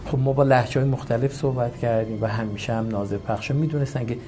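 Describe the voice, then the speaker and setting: A man's voice: medium pitch, fairly even intonation, warm tone. Earnest man explaining at length. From Iranian Azerbaijan. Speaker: comedy actor as guest. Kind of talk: explanatory interview answers.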